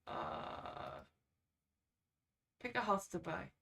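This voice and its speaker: A woman's voice: medium pitch, huge pitch swings, drawn-out words, vocal fry, a bit bright, recorded from a distance. A woman hosting a casual livestream, chatting informally and reacting off the cuff with sarcastic asides. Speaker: livestream host. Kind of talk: casual livestream chat, reading quizzes aloud.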